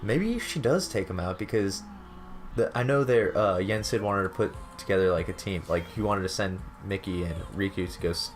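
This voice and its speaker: A young man with a fairly low voice chats casually about games in a slangy, excitable way. Faint noise sits behind him. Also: normal speed. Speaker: video game trailer reviewer. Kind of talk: casual chat. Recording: steady background room noise.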